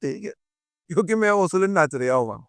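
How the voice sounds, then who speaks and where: A man's voice: high-pitched, animated, gravelly, smooth, no echo, clean studio sound. Heated, scornful Punjabi-accented man. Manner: switches between Urdu and Punjabi. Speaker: political analyst and host. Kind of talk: political commentary monologue.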